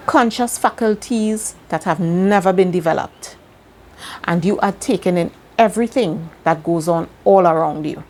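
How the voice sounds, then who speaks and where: With slight background noise, a woman from Trinidad and Tobago teaches a self-help lesson in her fairly low, slightly mellow voice at normal speed. As the video's host she's earnest, going back over key words to stress them in a slow motivational monologue.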